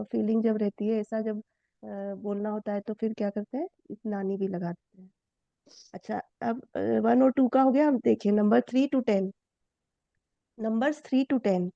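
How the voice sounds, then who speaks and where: A woman's voice: gravelly, mellow, no room sound. A woman teaching grammar in an online class, explaining step by step and quizzing her students. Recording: dull low-fi dry sound.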